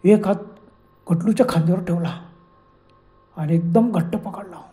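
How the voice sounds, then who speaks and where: A man's voice: high voice, normal speed, warm tone. A man narrating a horror story in a dramatic, suspenseful way.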